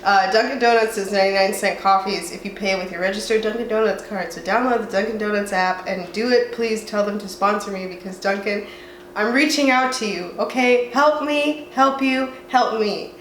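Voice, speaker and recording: A young vlogger from the southwestern U.S. chats at home with a cold-congested voice, rambling and poking fun at herself. Her voice is mid-range at a moderate pace, and the recording has a roomy echo with faint room noise.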